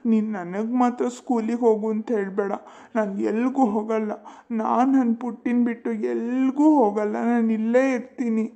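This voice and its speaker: A man's voice: extremely high pitch, steady tone, normal speed, mellow. A man voicing a young boy who is a devoted older brother, speaking earnestly in a dull, lo-fi recording. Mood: pleading. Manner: earnest, pleading.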